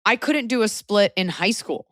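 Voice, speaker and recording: A woman's voice: mid-range voice, expressive, normal speed, a bit bright, no echo, clean studio sound. A woman in her forties hosting a podcast, giving frank, emphatic advice in a casual chat. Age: 40s.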